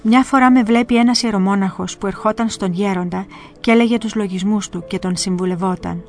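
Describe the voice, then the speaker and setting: A woman narrating a first-person story in a calm, earnest storytelling manner. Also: mid-range voice. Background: faint music.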